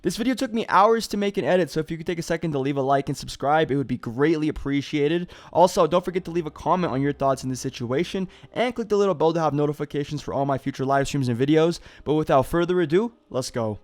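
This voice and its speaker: A man's voice: on the high side, quick pace, hardly any pauses. A man hosting a gaming commentary video, talking casually with lots of "you know" and "like". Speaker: gaming YouTuber.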